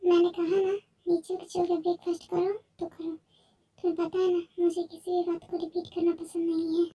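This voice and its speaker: A woman plays a possessive young husband in a fan-dubbed audio drama, cold and commanding. His voice sits very high yet comes out dark and mellow, with a narrow, even pitch. The mic is set at a distance. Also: normal speed. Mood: controlling.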